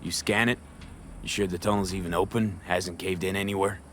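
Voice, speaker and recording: Terse, low-voiced mercenary man. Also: fairly even intonation, brisk, a bit bright, slight background noise. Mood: wary. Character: wary, street-smart male mercenary. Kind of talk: video game dialogue.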